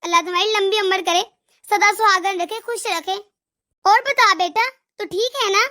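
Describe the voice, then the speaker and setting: A woman voicing an older mother in an animated moral story, doting and full of blessings. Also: extremely high pitch, moderate pace. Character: older mother, affectionate to her daughter.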